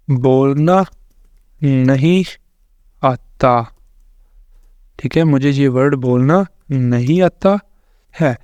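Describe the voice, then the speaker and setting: A man, explaining English grammar and pronunciation slowly and repetitively in a tutorial. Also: mid-range voice, warm tone, no room sound. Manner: slow, repetitive explaining with frequent fillers. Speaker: English teacher. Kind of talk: screen-recorded tutorial explanation.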